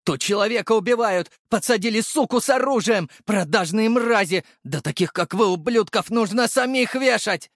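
A man voicing an angry male prisoner who yells abuse in an audiobook. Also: high-pitched, animated, moderate pace, hardly any pauses, no room sound, studio quality, pitched above the performer's own voice. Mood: furious. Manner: yelling, cursing. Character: furious male prisoner, loud and abusive.

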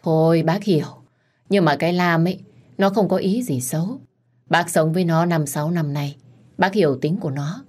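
A woman voicing a gruff but kind older mother-in-law who scolds and soothes. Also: lowish voice, moderate pace, darkish tone. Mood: gruff, soothing.

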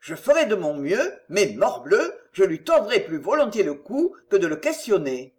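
A reader voicing a courteous English gentleman, posing as a lackey, speaking politely and firmly. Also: high voice, sing-song, moderate pace. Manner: courteous, sometimes gruff.

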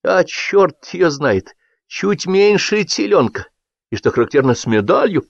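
A man's voice: sits high, big pitch swings, unhurried, vocal fry, no echo, voice pushed up, heavily acted. A man doing a panicky blustering fussbudget. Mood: pleading. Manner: blustering, flustered, pleading. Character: panicky fussy blustering middle-aged man. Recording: dull dry audiobook recording.

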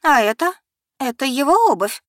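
A woman reading an audiobook and voicing a distraught young woman who pleads and shouts at her sister, near hysterical. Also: high voice, lively intonation, moderate pace, no echo, studio quality, voice pushed up. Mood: pleading.

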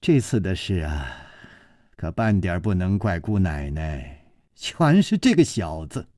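A man voicing a fawning middle-aged man who talks in an ingratiating, low voice. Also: big pitch swings, unhurried, mellow, no room sound, clean studio sound.

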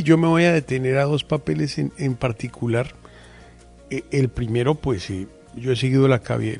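A man hosts a radio interview with effusive, admiring phrasing. His mid-pitched voice carries a gravelly creak. Faint music plays underneath. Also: a little mellow.

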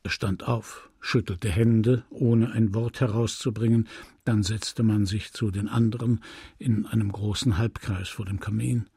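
Man, audiobook narration, measured and grave, gravelly, husky, dry close recording. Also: lowish voice, fairly even intonation, warm tone, no room sound. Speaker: audiobook reader. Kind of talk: scripted literary narration.

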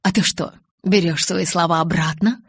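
A woman reading an audiobook, voicing a calm, teasing young male vampire who speaks slowly and softly. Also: husky, dry recording. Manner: slow, low, soft-spoken.

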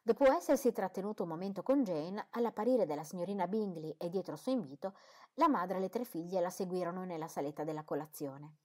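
A woman reading a classic novel aloud as an audiobook, with steady, measured narration. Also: lowish voice.

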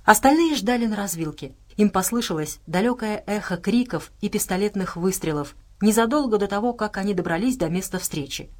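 Woman, audiobook narrator, steady dramatic reading, mid-pitched voice. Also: fairly quick, few pauses.

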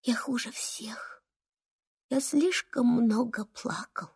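A small, sorrowful boy from a storybook, his voice soft and trembling, fading into whispers, as a woman reads him. The voice sits fairly high and sounds close and dry. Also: unhurried, husky, no echo, heavily acted. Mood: sad, quiet. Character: small sad boy missing his father.

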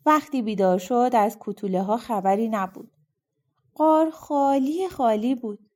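A woman reading an audiobook of folk tales aloud, in a lively, expressive storybook style. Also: fairly high pitch. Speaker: audiobook reader. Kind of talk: storybook narration.

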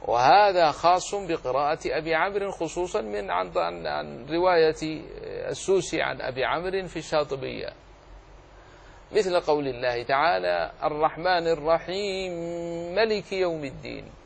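A middle-aged man teaching a religious lesson on Quran recitation, explaining rules patiently and slowing down to demonstrate readings. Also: fairly high pitch, vocal fry, slight background noise. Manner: explanatory, acts out quoted readings slowly.

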